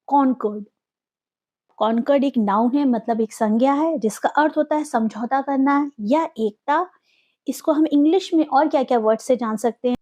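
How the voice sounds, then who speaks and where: With a high-pitched, warm voice, an Indian woman teaches English vocabulary, asking questions and answering them herself while mixing English words into her explanations.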